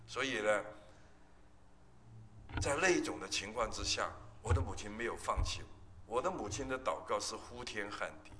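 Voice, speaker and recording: A man's voice: mid-range voice, pushed and bright, slight background noise. A male pastor, giving an emotional testimony sermon with emphatic storytelling.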